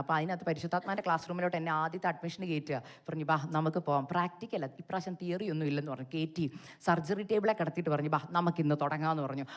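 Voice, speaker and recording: Fast-talking Malayali woman preacher. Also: low voice. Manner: animated storytelling, acts out her own cries and the Lord's words. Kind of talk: testimony sermon.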